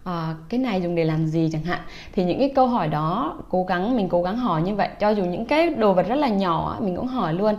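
A woman's voice: mid-range voice, lively intonation, brisk, hardly any pauses, a little mellow, highs cut off. A woman, a teacher, explaining English phrases and pronunciation to parents in a patient, casual way. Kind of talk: casual instructional talk to parents.

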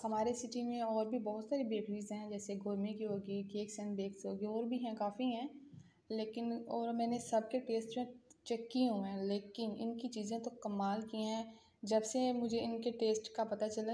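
A woman's voice: a little high, warm tone, a little hiss or hum. A young Pakistani woman with a Pakistani Urdu accent, chatting casually with viewers in a home vlog. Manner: chatty, talks straight to viewers. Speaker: vlogger. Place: home room. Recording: echoey room, faint ambience.

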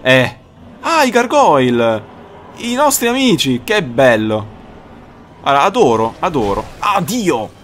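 A young man doing let's play commentary, excitable, swearing and shouting at the game. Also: mid-range voice, takes it slowly, soft background music. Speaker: gaming YouTuber.

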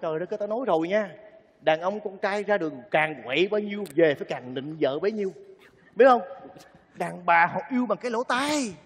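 An excitable, scolding father. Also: high voice, brisk, slightly rough, in a large hall, exaggerated voice. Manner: exclaims loudly, scolds and jokes. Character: fussy, excitable older father. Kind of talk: stage comedy sketch.

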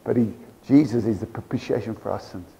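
A man with a South African accent preaching a sermon in church, animated and full of rhetorical questions to the congregation. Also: on the low side, brisk, creaky, slight background noise. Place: church service.

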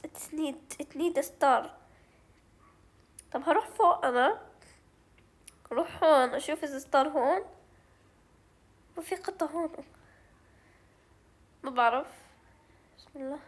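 Young woman, Levantine Arabic accent, high bright voice, let's-play chatter, squeals and thinks aloud. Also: a little slow, long pauses. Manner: chatty, thinks aloud, reacts with squeals and gasps, drops in English words. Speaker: gaming channel host.

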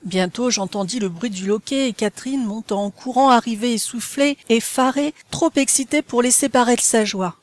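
A woman narrating a classic novel as an audiobook in a measured, even storytelling manner. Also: a little high, no echo.

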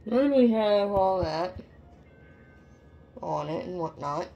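Slow, rambling young woman cooking at home. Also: on the low side, animated, warm tone, dull audio, soft background music. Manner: slow, rambling, many fillers and restarts. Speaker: cooking vlogger. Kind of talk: casual cooking vlog. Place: small home kitchen, indoors. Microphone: phone camera close up.

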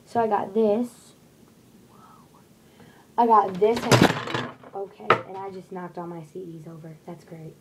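A woman's voice: medium pitch, flat delivery, measured pace, pauses often, heavy background noise. A young woman casually showing off her shopping haul in her bedroom, chatting and rambling with lots of fillers, recorded on a webcam at close range. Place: small bedroom with posters, indoors. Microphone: webcam on desk at close range.

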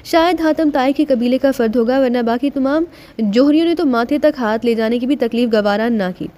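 A man's voice: very high-pitched, a little mellow. A woman voicing a witty male secret agent in an audiobook, joking and mock-respectful.

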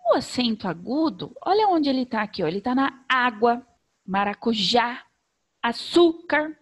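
A Brazilian woman teaching young children remotely, sing-song and slow, stretching out sounds so they can follow. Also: fairly high pitch, big pitch swings. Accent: Brazilian Portuguese. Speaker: primary school teacher.

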